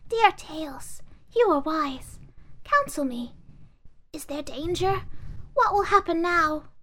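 A woman voicing an abandoned girl doll who asks anxious, pleading questions in a high voice. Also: animated, slow pace, sharp tone, exaggerated voice. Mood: pleading urgent.

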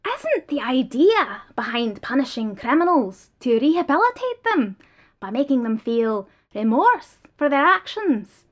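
A woman's voice: high voice, muffled recording, pitched above the performer's own voice. A woman reading the lines of an indignant male worker in an audiobook, pressing and insistent. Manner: pleading, raised and insistent.

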